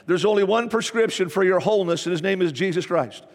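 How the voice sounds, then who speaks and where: A pastor delivers an emphatic sermon, hammering phrases again and again. His voice sits high for a man. The sound carries the long reverb of a church sanctuary. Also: quick pace. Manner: repetitive, emphatic preaching.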